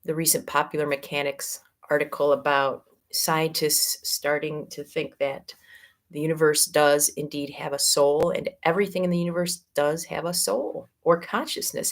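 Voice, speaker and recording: Gentle middle-aged Midwestern woman teaching. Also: low-pitched, steady tone. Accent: Midwestern American. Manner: gentle, unhurried, drawing out key words. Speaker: yoga teacher. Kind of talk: spiritual teaching talk.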